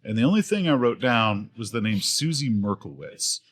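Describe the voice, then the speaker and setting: A video creator guesting on a podcast tells anecdotes in casual chat, an animated storyteller who acts out quoted voices, restarts often and laughs. His voice sits on the low side at a normal speed.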